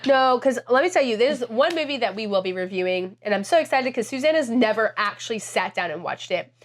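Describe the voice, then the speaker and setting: A woman's voice: fairly high pitch, expressive, a little fast. A woman in her thirties co-hosting a podcast, talking casually and with emphasis. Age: 30s. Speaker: podcast co-host. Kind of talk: casual chat.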